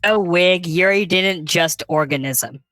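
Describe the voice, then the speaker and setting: A woman's voice: on the low side, unhurried, over music. A woman joining a game stream, teasing the others in casual chat. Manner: teasing, playful.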